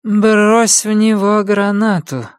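A man's voice: high-pitched, steady tone, slow pace, clean tone, no room sound, studio quality, pitched above the performer's own voice. A man reading aloud and voicing a drowsy, drunk mother who mumbles and slurs her words. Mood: drowsy menace. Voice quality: sleepy, slurred, mumbling.

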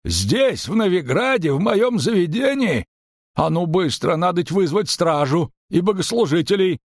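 A man voicing a fussy, anxious male innkeeper in a storybook, with a much higher, shrill, fretful voice. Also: expressive, moderate pace, gravelly, dry recording, clean studio sound. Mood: alarmed.

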